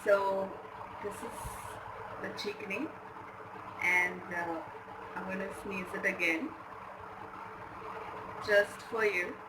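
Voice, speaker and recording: Woman doing a casual vlog, talks slow n halting to viewers, noisy homemade audio. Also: mid-range voice. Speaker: vlogger doing a challenge video. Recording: noisy home-video sound, steady background noise.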